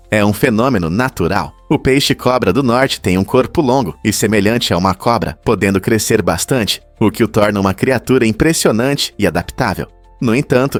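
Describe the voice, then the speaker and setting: A man with a fairly low voice narrates a scripted list of facts in an even, explanatory tone, posing rhetorical questions to the listener. The voice-over is dry and close, with faint music behind it. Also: no room sound.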